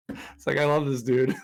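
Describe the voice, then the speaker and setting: Excitable man in casual podcast chat. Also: creaky. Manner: excited, acts out scenes in jumpy high voices. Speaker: podcast co-host.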